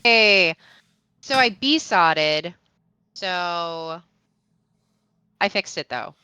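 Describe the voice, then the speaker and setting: A woman playing in a tabletop game over a voice call, talking in an expressive, playful way. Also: on the low side, very slow, a little hiss or hum, low-quality recording. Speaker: player. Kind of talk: casual chat in a tabletop game.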